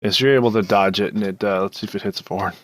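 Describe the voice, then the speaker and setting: A man with a low voice narrates as dungeon master, pausing often on fillers as he talks through each turn. The sound is close and dry. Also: steady tone, no echo. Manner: halting, many fillers. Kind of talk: narrating a tabletop game.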